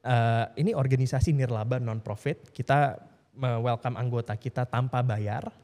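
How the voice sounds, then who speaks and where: A man, a podcast guest telling stories in a relaxed, slangy, informal way. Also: mid-range voice, moderate pace, long reverb tail. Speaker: guest, founder of a legal aid group for small businesses. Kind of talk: casual podcast conversation.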